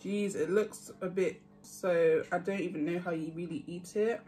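A young woman chatting casually to her viewers while eating, easygoing and quick to laugh. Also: on the low side, fairly even intonation, mellow, faint music behind. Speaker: vlogger. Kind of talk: casual mukbang chat.

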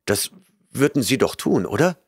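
A man's voice: medium pitch, sing-song, normal speed, husky, dry recording, studio quality, voice pushed up. A man voicing a desperate, lovesick young man in an audiobook, speaking in an agitated, pleading way. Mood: eager.

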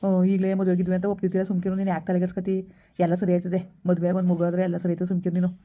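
A woman playing a young man who has eloped with his girlfriend and keeps calming her, in a village skit. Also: lowish voice, rapid-fire, close to an everyday voice. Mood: soothing. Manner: soothing, urging calm, repeating himself. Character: young man Sharath, eloping lover, soothing. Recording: dull lo-fi recording.

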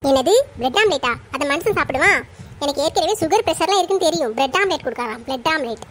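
Woman voicing a shrill nagging cartoon mother-in-law. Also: animated, fast, fairly bright tone. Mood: scolding. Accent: Tirunelveli Tamil. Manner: nagging, complaining, bossy. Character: scolding middle-aged mother-in-law Sornam, strict and grumbling.

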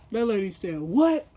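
A young woman vlogging at home as she eats, chatting in a rambling way and laughing often, recorded by a camera on the table. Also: medium pitch. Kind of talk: casual mukbang chat. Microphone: camera set up on the table.

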